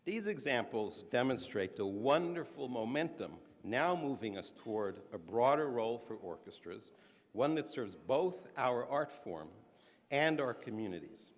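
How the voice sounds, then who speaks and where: A man giving a measured, earnest speech at a conference, stressing his points, now and then restarting a phrase. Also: medium pitch, big pitch swings. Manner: earnest, measured, emphatic delivery with occasional restarts. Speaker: conference speaker. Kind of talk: prepared speech to an audience. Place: conference hall. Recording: large hall with long reverb.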